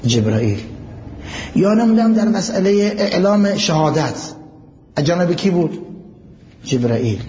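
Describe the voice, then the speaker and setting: A man's voice: fairly high pitch, warm tone, long reverb tail, muffled recording, slight background noise. A man giving a religious lecture who recites Arabic passages, explains them and puts questions to his listeners. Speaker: preacher.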